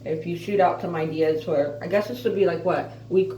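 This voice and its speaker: A woman with missing front teeth and softly slurred F sounds gives a casual, halting, chatty update as an earnest vlogger. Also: on the low side. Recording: roomy echo, distant mic, faint noise.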